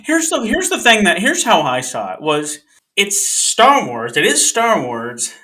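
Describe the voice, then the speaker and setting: Bright-voiced easygoing podcast host. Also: male voice, high-pitched, wildly swooping pitch, a little slow. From Oklahoma. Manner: easygoing, joking sign-off. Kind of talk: casual podcast chat.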